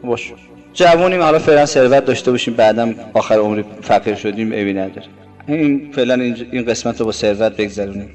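A man delivering a religious sermon at a middle pitch. He surges loud and high on key points, then drops to a hushed, low voice, and stretches out his Arabic quotations. Faint music sits under his voice. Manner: swings from loud emphatic rises to soft low asides. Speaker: preacher.

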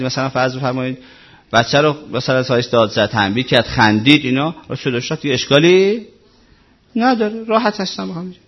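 A middle-aged male cleric giving a conversational religious talk, repeating himself and asking rhetorical questions. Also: a little high. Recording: muffled lo-fi recording.

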